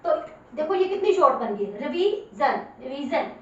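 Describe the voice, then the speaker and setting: A woman with a high, bright voice teaches spelling, sounding out each word slowly and saying it again for the learner. She is caught from a distance in a very echoey room, and the recording sounds dull. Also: very animated. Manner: spells words out letter by letter, drawing words out slowly. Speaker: English teacher. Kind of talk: spoken spelling lesson.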